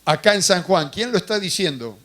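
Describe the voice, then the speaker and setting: Preaching to his congregation, the pastor uses a high-pitched, expressive, slightly bright voice and speaks fairly quickly. His sermon unfolds as conversational storytelling with questions aimed at the listeners.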